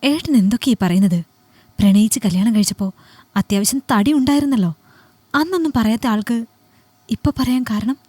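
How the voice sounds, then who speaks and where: A woman's voice: a little high, a little fast, pauses often, dark tone, slightly rough, no room sound. A woman voicing a hurt young housewife who pleads with her husband and broods over his coldness in an audiobook story. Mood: pleading.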